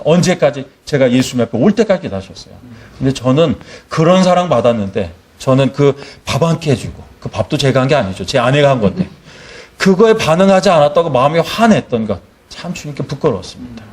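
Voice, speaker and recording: A man's voice: on the high side, breathy edge. A middle-aged male missionary preaching a sermon, telling a personal story and acting out the dialogue. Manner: animated storyteller, acts out dialogue.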